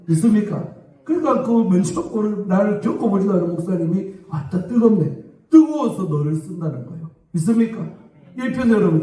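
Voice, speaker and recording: Emphatic pastor preaching. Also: male voice, high-pitched, warm tone. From South Korea. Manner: emphatic, repeatedly asking the congregation for amens. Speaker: senior pastor. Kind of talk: sermon. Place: church sanctuary. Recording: echoey church hall, distant mic.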